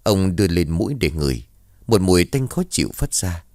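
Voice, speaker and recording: A man's voice: low voice, sing-song, normal speed, darkish tone, dry recording, clean studio sound. A man narrating a ghost story in a dramatic storytelling way.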